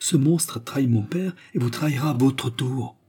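A man's voice: mid-range voice, moderate pace, darkish tone, slightly rough, pitched above the performer's own voice. A man reading an audiobook voices a proud, defiant young grand-duchess who talks in haughty, indignant outbursts.

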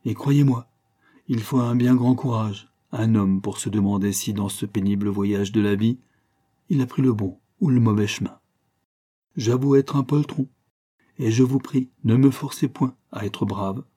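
A suave, world-weary gentleman lawyer talks with bitter irony, as a male audiobook reader plays him. The tone is dark and mellow, with a husky grain. It is a novel read aloud. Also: lowish voice, moderate pace, lightly acted. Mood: ironic. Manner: ironic, bitter. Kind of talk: audiobook reading.

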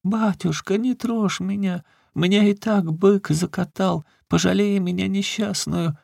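A frail old beggar woman wails and pleads in a high, thin voice, as a man puts her on. Her lament is plaintive and pitiful. The sound is dry and close. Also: fairly even intonation, unhurried, vocal fry, a little mellow, no echo, full character voice. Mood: wailing plea.

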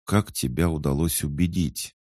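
A man's voice: a bass voice, normal speed, a little mellow, no echo, clean studio sound, pitched above the performer's own voice. A man voicing an eager, curious young boy in an audiobook. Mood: sleepy.

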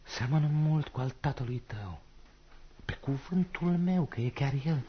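An actor playing a bold, reassuring young soldier friend in a radio play, eager and loud. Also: male voice, mid-range voice, animated, husky. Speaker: the lead's friend. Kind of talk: radio drama acting. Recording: dull lo-fi radio recording.

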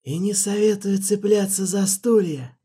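A man voicing a gruff, sardonic male warrior who grins and talks roughly. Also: sits high, a little slow, dark tone, voice pushed up.

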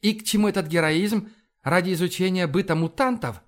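A man reading an audiobook, voicing a sharp-tongued, teasing woman officer on a spaceship. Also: high voice, a little fast, voice pushed up, close to an everyday voice. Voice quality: teasing, cocky.

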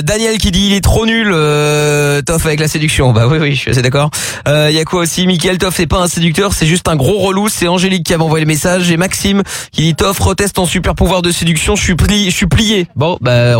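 Fast-talking man hosting radio, higher voice. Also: dry recording. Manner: informal, slangy, teasing. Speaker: radio host. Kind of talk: live call-in radio chat. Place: radio studio.

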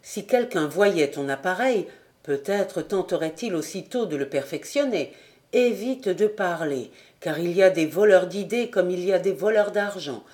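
A woman's voice: on the low side, moderate pace, close to an everyday voice. A woman doing a kindly fatherly factory boss. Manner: paternal, calm and reassuring. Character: kindly older male factory director. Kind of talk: audiobook character voice.

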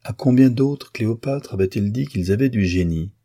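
Man, audiobook narrator, very low pitch, husky, measured literary reading. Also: expressive, warm tone. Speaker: audiobook reader.

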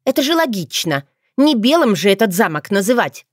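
A woman narrator voicing a cheeky, sharp-tongued young witch who talks boldly and sassily. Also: medium pitch, sing-song, fairly quick, dry recording, clean studio sound, pitched above the performer's own voice. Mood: sassy. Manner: bold, sassy and indignant.

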